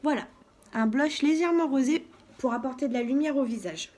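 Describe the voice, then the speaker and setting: Woman giving a calm makeup tutorial. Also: high-pitched, brisk. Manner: calm step-by-step instruction with frequent "donc" and "voilà". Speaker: beauty vlogger.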